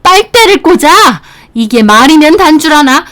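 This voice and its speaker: A woman doing a shrill scolding mother-in-law. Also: big pitch swings, moderate pace. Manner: scolding, shouting. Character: domineering, shrill middle-aged mother-in-law. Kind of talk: dramatized story reading.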